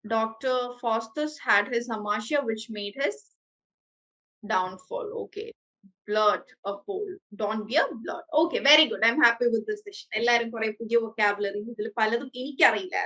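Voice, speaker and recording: A woman's voice: a little high, drawn-out words, pushed and bright, highs cut off. Malayali woman teaching an online English class. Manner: encouraging, praises students often.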